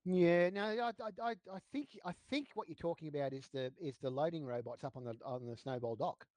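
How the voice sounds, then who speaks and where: A man running a tabletop game as game master, speaking in halting phrases with frequent restarts. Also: on the high side, expressive, a little mellow, no echo. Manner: halting, many restarts and fillers.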